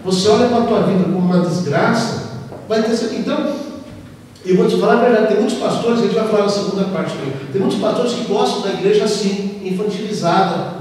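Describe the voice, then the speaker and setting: A man preaching a sermon with a Brazilian Portuguese accent, swinging between loud exhortation and quiet asides and acting out the voices of his congregants. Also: high voice, fairly quick. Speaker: pastor. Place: large church hall. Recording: echoey hall, distant mic, faint noise.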